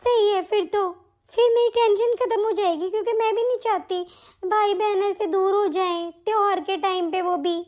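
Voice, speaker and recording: A woman voicing a gentle young wife in an animated family drama who worries and pleads about a family rift. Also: very high voice, moderate pace. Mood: hopeful.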